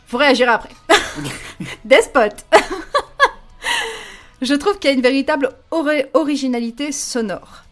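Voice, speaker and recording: A woman co-hosting a casual podcast, reviewing music with playful enthusiasm and frequent laughs. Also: a little high.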